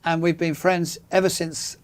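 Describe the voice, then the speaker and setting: Older English man, genial raconteur, slightly high voice, studio chat. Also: flat delivery, moderate pace. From England. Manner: genial storyteller, dry humor. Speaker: guest, magazine founder and journalist. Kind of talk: casual interview chat.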